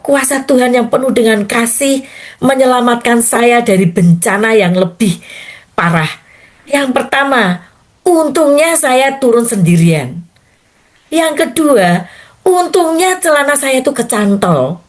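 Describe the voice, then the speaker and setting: An older woman pastor, telling a personal testimony in a morning prayer sermon and often addressing her listeners directly. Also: a little high. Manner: storytelling, addressing listeners as Bapak Ibu.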